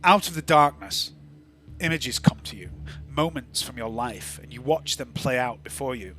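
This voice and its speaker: A man running a tabletop game as game master, narrating in measured, dramatic phrases with deliberate repetition. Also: mid-range voice, expressive, bright, forceful tone. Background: faint music.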